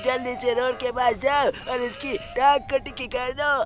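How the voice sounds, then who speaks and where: A man's voice: extremely high pitch, little pitch movement, unhurried. A man voicing a cocky, teasing cartoon sidekick who drawls his orders in a comic gameplay dub.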